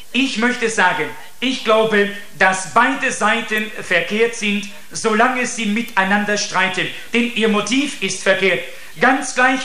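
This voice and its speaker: Earnest male preacher delivering a sermon, slow and deliberate, roomy sound. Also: high-pitched, sharp tone. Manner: earnest, addresses listeners with repeated "seht". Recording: echoey room.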